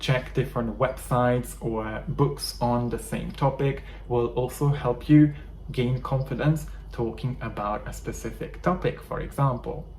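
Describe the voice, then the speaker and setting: Speaking a little slowly in a steady, slightly mellow mid-range voice, a Hungarian-accented man gives earnest coaching on English learning. He is a native Hungarian speaker addressing viewers in a talking-head teaching video, recorded in an echoey room with faint background noise.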